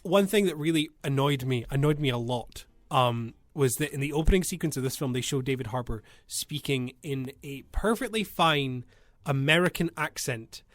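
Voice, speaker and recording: A man co-hosting a radio film podcast, talking in an animated, exasperated way about what he watched. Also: mid-range voice, moderate pace, dry recording. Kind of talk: casual film review chat. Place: radio studio.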